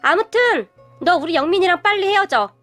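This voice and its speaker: Woman playing a scornful rich mother in a storybook reading, high-pitched, drawn-out sneering delivery, faint music behind. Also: expressive, fairly bright tone. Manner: sneering, shrill scolding. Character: haughty rich middle-aged mother, scornful.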